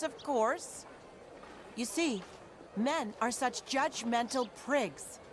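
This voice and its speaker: A prim, self-assured suffragist woman in a Western game. She speaks slowly and earnestly in a fairly high voice, with outdoor-like ambient noise behind her. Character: opinionated women's suffrage campaigner in a Western. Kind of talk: video game character acting.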